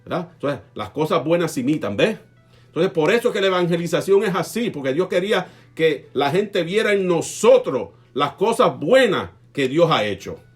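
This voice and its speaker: A man preaching a sermon emphatically, swinging between loud and soft and asking the congregation questions. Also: fairly high pitch, big pitch swings, normal speed, soft background music. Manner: asks the congregation rhetorical questions.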